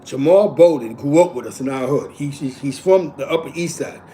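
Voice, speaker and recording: A show host in his forties from East Harlem, New York, tells neighborhood stories with a New York accent, rambling and repeating himself and plugging pauses with "you know what I'm saying." It's casual streetwise storytelling. His slightly high, mellow voice moves at a moderate pace over a little hiss or hum.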